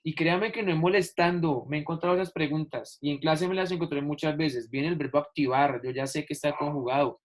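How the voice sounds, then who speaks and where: A man's voice: on the high side, brisk, hardly any pauses. A male teacher explaining a lesson over a video call, patiently stretching out key words and repeating examples. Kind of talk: online class explanation.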